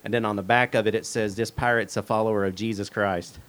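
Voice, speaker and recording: A man's voice: fairly low pitch, fairly even intonation, fast talker, fairly bright tone, smooth. A middle-aged man, a guest chatting in an interview with many fillers and restarts. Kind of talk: casual interview chat.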